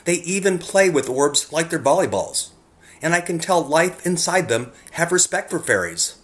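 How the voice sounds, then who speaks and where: The speaker, a man presenting his own photographs, has a fairly high, animated voice and a moderate pace. He reads his scripted narration earnestly, speaking directly to the viewer.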